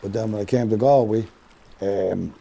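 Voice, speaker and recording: A man's voice: on the low side, fairly even intonation, normal speed, vocal fry, warm tone. An older man with an Irish accent, telling his life story candidly and checking often that he is understood. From Dublin and Drogheda, Ireland. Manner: conversational, often adding 'right?' and 'you know what I mean'. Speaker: documentary interviewee.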